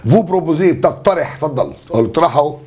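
A man's voice: on the high side, expressive, rapid-fire, darkish tone, slightly rough. A man with an Egyptian accent, a French teacher going through exam answers in a chatty, joking way. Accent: Egyptian Arabic. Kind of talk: exam review lesson.

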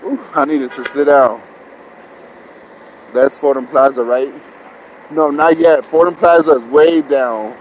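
Out of breath and sweating, a man live-streams a walk down a busy city street, his phone camera worn or in hand. He's chatty, saying hi to viewers and begging them to share, speaking unhurriedly in a mid-range voice with frequent pauses. The rough recording carries traffic and street bustle.

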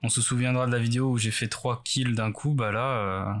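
A man's voice: medium pitch, fairly even intonation, a little fast, a little hiss or hum. A man doing casual let's play commentary as a horror game streamer, rambling nervously and self-mockingly as he talks to himself. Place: bedroom at home, indoors.

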